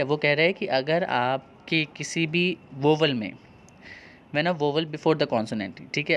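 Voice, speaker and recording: A man's voice: medium pitch, slight background noise. A male teacher with an Indian accent, explaining spelling rules to seventh graders, asking rhetorical questions and answering them himself.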